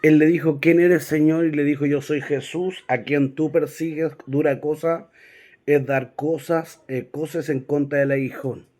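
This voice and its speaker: A man's voice: a little high, steady tone, measured pace, a little mellow. A man teaching a Bible class, reading verses aloud and often checking in with his listeners. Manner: reads scripture aloud and directs listeners to verses.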